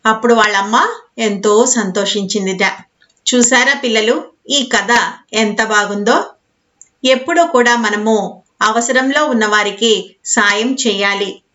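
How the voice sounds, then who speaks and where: A woman's voice: fairly high pitch, a bit bright, muffled recording. A woman teacher telling a story to young children, retelling each part with affectionate asides.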